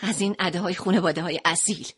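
A woman narrating a dramatic first-person audio story in an expressive way, moving between quiet narration and impassioned passages. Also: on the low side, husky.

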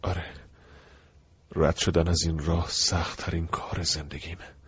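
A man voicing a troubled, guilt-ridden young man in an audiobook, speaking low and strained. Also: level tone, a bit bright, slightly rough, dry recording, exaggerated voice. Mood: weary. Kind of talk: audiobook character voice. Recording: dull lo-fi recording.

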